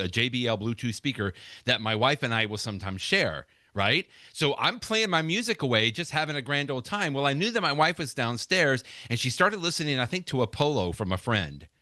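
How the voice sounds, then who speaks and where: A man with a bright voice tells stories with wide pitch swings and frequent laughter. He talks into a close, dry mic. His delivery is energetic and conversational. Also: no echo. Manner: animated storyteller, laughs often, big pitch swings. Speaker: podcast co-host. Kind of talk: casual tech chat.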